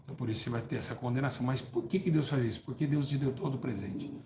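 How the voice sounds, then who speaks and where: A man preaching a live-streamed hellfire sermon, fervent, repeating words and asking listeners for agreement, swinging from loud stresses to low murmurs. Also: very fast. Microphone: live-stream mic. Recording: roomy echo with faint background noise.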